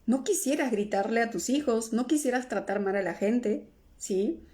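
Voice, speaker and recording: This middle-aged emotional healing coach talks on a live stream in a soft, mellow, fairly high voice at a moderate pace. She keeps checking in with listeners by tagging almost every phrase with "¿no?" or "¿sí?", and she responds aloud to incoming comments.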